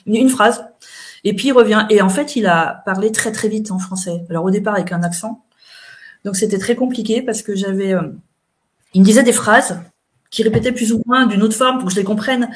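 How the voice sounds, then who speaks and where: A middle-aged woman, an interview guest, chatting casually as she recounts events and quotes what people said. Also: medium pitch.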